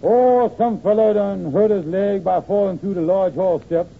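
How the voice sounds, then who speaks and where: An actor playing a scheming, blustering married lodge leader in a 1940s radio comedy, heard through an old AM radio broadcast. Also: male voice, high-pitched, normal speed, gravelly, phone-quality sound, slight background noise. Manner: boastful then fawning, comic dialect delivery. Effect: old AM radio broadcast sound.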